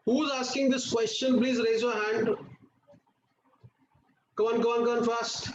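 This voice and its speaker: A man's voice: very high-pitched, steady tone, a little slow, lo-fi sound. Indian-accented man as an online class teacher, repetitive and coaxing, in a roomy, noisy recording. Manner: insistent, repetitive, prompting students with questions and endearments. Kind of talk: live online class lesson.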